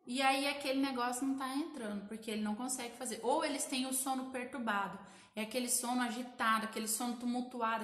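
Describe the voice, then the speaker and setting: Brazilian woman, 30s, high-pitched sleep consultant talking live and explaining in lists; echoey room. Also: a bit bright. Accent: Brazilian Portuguese. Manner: explanatory, repeats lists and asks "tá?" often. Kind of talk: live social media talk to viewers.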